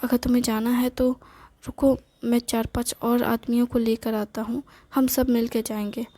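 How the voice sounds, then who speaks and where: A woman's voice: on the high side, little pitch movement, moderate pace, warm tone, dry recording, close to an everyday voice. A woman reading the lines of a protective young man who keeps pleading with a girl, in her own voice. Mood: insistent.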